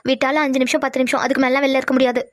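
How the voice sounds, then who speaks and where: Woman doing an insistent, friendly elder sister type, high and brisk. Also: level tone, no echo, clean studio sound, close to an everyday voice. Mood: coaxing. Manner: coaxing, insistent. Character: pushy friendly older woman inviting friends.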